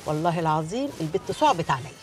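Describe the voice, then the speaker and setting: An actress with an Egyptian accent playing a loud, sassy neighborhood gossip. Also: female voice, low-pitched, expressive, rapid-fire. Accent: Egyptian Arabic.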